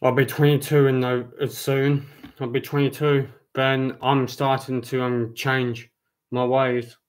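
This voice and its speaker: A young man, talking to his viewers on a livestream. His voice sits at an everyday middle pitch. He rambles, says the same thing over and over, and stumbles into restarts. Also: level tone, poor audio. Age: 20s. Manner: rambling, repeats himself, halting restarts. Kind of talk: casual livestream chat.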